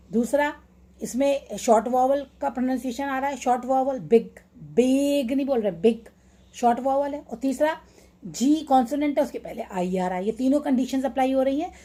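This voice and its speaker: Woman teaching spelling rules, mellow. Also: sits high. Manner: mixes Hindi and English, repeats example words slowly. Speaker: English teacher. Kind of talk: explaining phonics rules with examples.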